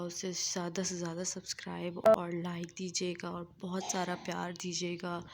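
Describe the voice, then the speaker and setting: Soft-spoken young woman with a sore throat. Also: lowish voice, a little hiss or hum. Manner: soft-spoken, often half-whispered, chatty. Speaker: vlogger. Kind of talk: casual vlog narration while showing items. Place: at home.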